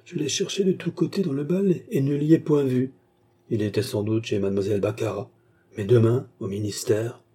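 A man's voice: mid-range voice, a little fast, warm tone, slightly rough, natural voice. A man playing a brusque scheming official. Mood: scornful. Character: scheming middle-aged official, brusque and self-serving.

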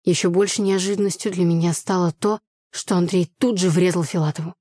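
A woman narrating a first-person audiobook story with an even, storytelling delivery. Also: lowish voice, fairly quick, no echo, clean studio sound.

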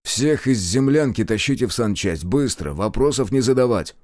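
A man's voice: mid-range voice, lively intonation, moderate pace, darkish tone, no echo, studio quality, natural voice. A man voicing a wounded, stoic male partisan officer, clipped and firm in an audiobook.

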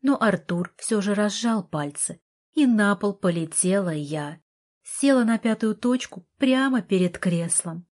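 A woman reading a first-person romance novel aloud, with an expressive narration style. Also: mid-range voice, measured pace. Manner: expressive reading, voicing the heroine with passion. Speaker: audiobook narrator.

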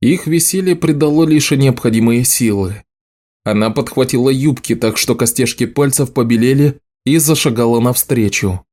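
A man narrating an audiobook in a steady storytelling delivery. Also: medium pitch, moderate pace. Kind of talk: scripted narration.

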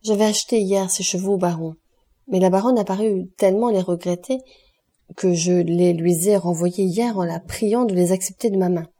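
A woman reading an audiobook and voicing a composed, commanding aristocratic count who speaks calmly and with authority. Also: fairly low pitch, normal speed, natural voice.

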